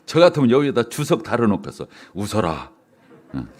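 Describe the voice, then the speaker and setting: Man, middle-aged, pastor, lively pitch, church sermon, chatty, laughs a lot. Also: moderate pace. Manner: animated, talks with the congregation and laughs often. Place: church sanctuary.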